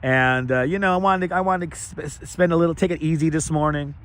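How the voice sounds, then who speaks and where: Here the livestream host strolls a city park, chatting fairly quickly with fairly even intonation, his voice raspy, a bit squeaky, and hoarse from overuse. Rambling and repetitive, he greets viewers in turn. The wireless lavalier recording is clear, with outdoor ambience and traffic behind him.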